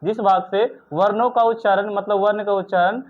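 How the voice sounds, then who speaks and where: A man's voice: sits high, fairly even intonation, moderate pace, a little hiss or hum. Stern man drilling a class, tinny sound. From India. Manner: stern, drills students with repeated questions and scolds. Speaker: teacher. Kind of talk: classroom grammar lesson. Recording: tinny phone-like recording.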